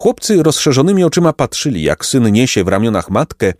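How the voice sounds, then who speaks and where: Expressive male audiobook narrator. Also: mid-range voice, fairly quick, no echo, clean studio sound. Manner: expressive storytelling.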